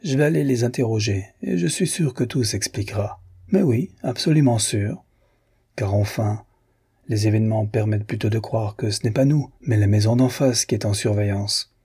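A man's voice: lowish voice, moderate pace, mellow, breathy edge. Man reading as a jealous, sneering husband. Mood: anxious. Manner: sneering, then nervous and brooding. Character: jealous, bitter middle-aged official husband. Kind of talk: audiobook reading.

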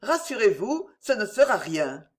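A woman voicing a gentle wounded young man who speaks softly and tenderly. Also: medium pitch, very animated, measured pace. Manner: soft, tender.

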